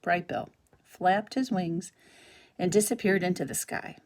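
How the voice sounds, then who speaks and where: Woman, teacher, reading a children's novel aloud, expressive narration, soft whispers at tense moments. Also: fairly low pitch, a little slow.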